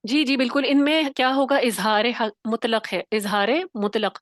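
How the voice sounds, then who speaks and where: A woman's voice: fairly high pitch, steady tone, normal speed, no room sound. Patient woman teacher, dry close voice. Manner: patient, explains step by step, checks in often. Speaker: Quran recitation teacher. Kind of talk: online tajweed class.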